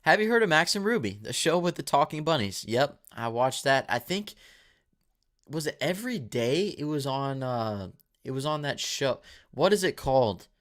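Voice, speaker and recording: A man's voice: medium pitch, sing-song, normal speed, a bit bright. Casual young male movie streamer. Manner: casual, rambling, with fillers and restarts. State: dry mouth. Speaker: movie channel host. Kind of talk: live-stream Q&A, reading and answering viewer questions.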